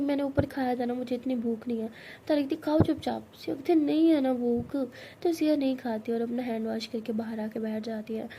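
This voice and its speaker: A woman's voice: warm tone, a little hiss or hum. A woman telling a love story in a casual spoken way, acting out the characters' lines herself. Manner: acts out both girls' lines with rising pitch and force.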